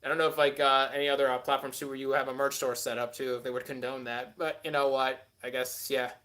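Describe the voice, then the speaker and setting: A man's voice: medium pitch, little pitch movement, fast talker, a bit bright. A man hosting a live stream, rambling casually and answering chat with many filler words.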